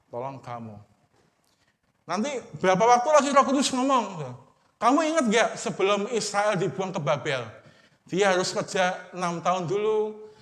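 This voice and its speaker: A man with an Indonesian accent, a pastor preaching a sermon in casual everyday speech, trailing off softly at the end of phrases. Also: high voice. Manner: repeats a term of address after most phrases, fading to a murmur. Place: church hall. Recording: long hall reverb.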